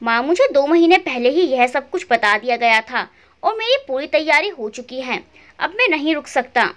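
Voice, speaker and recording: A brusque grown son, short-tempered and dismissive toward his old mother, voiced by a woman storyteller. His high, lively delivery swings up and down as he brushes off her pleas in an audio storybook. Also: moderate pace.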